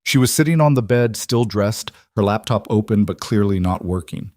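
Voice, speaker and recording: Low-voiced male story narrator. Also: animated, moderate pace, darkish tone, no room sound, clean studio sound.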